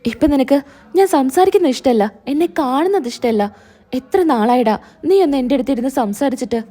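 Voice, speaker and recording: A woman's voice: high voice, expressive, fairly quick, dark tone. A woman reading a hurt pregnant wife. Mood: reproachful. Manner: pleading, reproachful.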